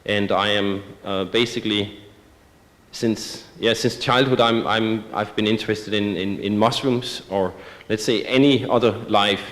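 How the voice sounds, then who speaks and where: A man's voice: lowish voice, fairly even intonation, unhurried, fairly bright tone. A man from Denmark, giving a hesitant symposium talk about his art, full of filler sounds and restarts. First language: Danish. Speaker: artist presenting his work. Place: museum auditorium. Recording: long reverb of a large hall.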